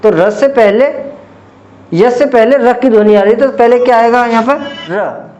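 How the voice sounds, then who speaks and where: A man with a high voice teaches a grammar lesson at an unhurried pace. He walks through each step slowly and poses questions to the viewer before answering them himself. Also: a little mellow, dull audio. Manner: slow, step-by-step explaining, asks and answers own questions. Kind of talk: exam-prep grammar lesson.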